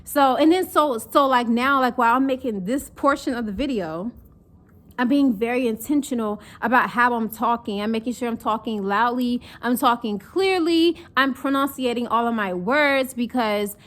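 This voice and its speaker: This vlogger, a young North Carolina woman whose Southern accent mixes with northern speech, chats animatedly on camera at a moderate pace. Her pitch is fairly high. She acts out mocking quotes in a chatty, lively way.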